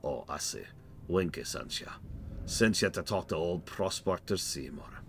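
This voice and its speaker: A man's voice: low-pitched, lively intonation, a little slow, vocal fry, slight background noise, exaggerated voice. A man voicing a cranky old prospector from a fantasy game, with folksy talk. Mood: gruff, suspicious. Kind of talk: reading game quest text in character.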